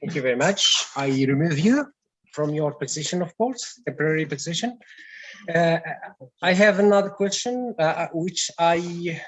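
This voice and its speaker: A man chairing a conference session, formally passing on questions in a halting way, searching for words and repeating himself. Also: fairly high pitch, low-quality recording.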